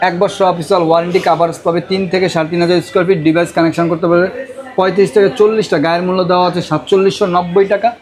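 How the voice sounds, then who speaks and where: A Bangladeshi man gives a hard-sell sales pitch in a high voice. He rattles along quickly as the presenter, insistently repeating prices and offers. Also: flat delivery, darkish tone. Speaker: router seller presenting deals.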